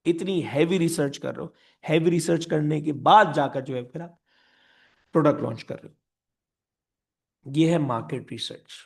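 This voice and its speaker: A man teaching business in a lively lecture, mixing Hindi with English, repeating key phrases and acting out what companies say. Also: on the high side, gravelly. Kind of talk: animated classroom lecture.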